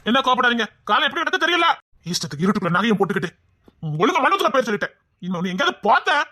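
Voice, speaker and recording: A woman's voice: a little high, sing-song, rapid-fire, sharp tone, exaggerated voice. A woman playing a bossy, protective elder relative who scolds sharply, speaking in a family drama. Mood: scolding. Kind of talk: home-made family drama acting.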